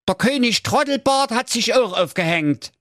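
A man voicing an excitable, foul-mouthed fairy-tale brother in a Saxon accent, yelling in a frantic manner for a comic audio story. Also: fairly high pitch, measured pace, no room sound, clean studio sound, voice pushed up. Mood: agitated. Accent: Saxon German.

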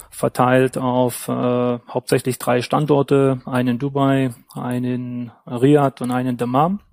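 A man from Germany, a company founder, answering interview questions over a remote call in a measured way, sometimes searching for words. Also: medium pitch, vocal fry, a little mellow, no echo. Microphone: remote call from abroad.

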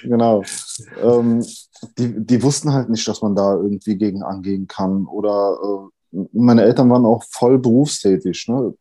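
A man in his thirties, a podcast guest, talking candidly and thoughtfully with many pauses and fillers. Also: lowish voice, mellow. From Germany, Italian family. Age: 30s. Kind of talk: candid conversation.

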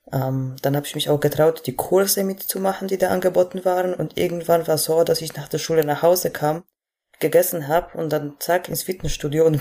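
Low, mellow young woman. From Poland. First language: Polish. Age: 20s. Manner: hesitant, many fillers, laughs easily. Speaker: guest athlete and coach. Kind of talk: casual podcast interview.

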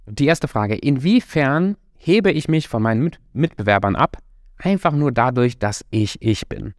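A man's voice: medium pitch, expressive, unhurried, dry recording. Encouraging coach man, dry close voice. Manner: direct and encouraging, addresses listener as du. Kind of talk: motivational talk to the listener.

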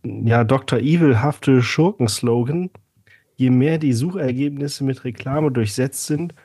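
A man's voice: mid-range voice, a little slow, dark tone, slightly rough, no room sound, studio quality. A man co-hosting a podcast in casual chat, telling a story sarcastically with many fillers. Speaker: podcast co-host.

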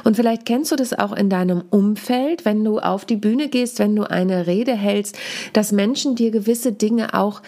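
A woman in her thirties talks alone into the mic as a speaking coach, measured and instructive. Her voice sits at an ordinary middle pitch, and a trace of a recent cold still colours it. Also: warm tone. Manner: deliberate, coaching tone, demonstrates stresses. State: lingering cold. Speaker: podcast host and speaking coach. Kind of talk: solo podcast talk.

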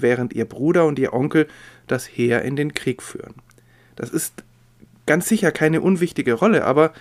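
A man preaching a sermon in a measured, expressive reading voice. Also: mid-range voice.

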